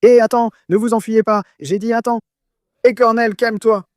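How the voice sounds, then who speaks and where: A man's voice: high voice, fairly even intonation, moderate pace, dry recording, clean studio sound. A man bantering casually with friends, often repeating short commands insistently.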